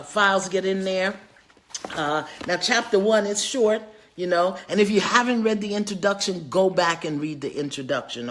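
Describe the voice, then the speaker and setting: Greeting viewers by name, an older woman, an author and spiritual teacher, talks lively and chatty on a casual live stream at medium pitch.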